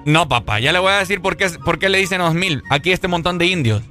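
A man's voice: high-pitched, lively intonation, fast talker, pushed and bright, faint music behind. A Honduran man co-hosting a morning show, bantering and arguing in a teasing, casual way. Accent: Honduran Spanish. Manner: argumentative, teasing, laughs a lot.

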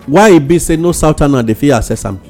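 A man's voice: fairly high pitch, expressive, brisk, warm tone, soft background music. A Nigerian man speaking Nigerian Pidgin as host of a radio talk show discussion.

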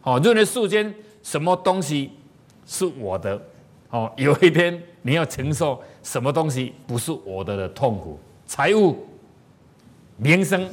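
A man with a Taiwanese Mandarin accent, a spiritual teacher giving an animated sermon-style lecture full of rhetorical questions to the audience. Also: medium pitch.

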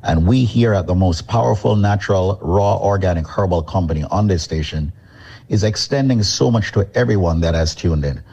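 A man from Jamaica, a company chairman, delivering an energetic on-air sales pitch. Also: normal speed, vocal fry, husky, lo-fi sound.

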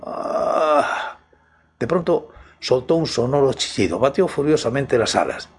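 A man's voice: medium pitch, husky. A man with a Spain Spanish accent narrating in the first person as a storytelling host.

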